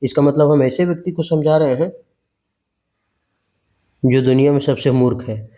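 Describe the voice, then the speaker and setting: Chatty male tutor with a mellow voice. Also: on the high side, moderate pace. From India. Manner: chatty, repeats words in mnemonic chants, asks learners questions. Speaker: exam coaching teacher. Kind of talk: vocabulary lesson.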